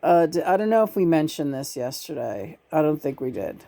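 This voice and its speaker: Halting, reflective woman hosting a chat. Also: low-pitched, big pitch swings, dark tone. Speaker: host and channeler.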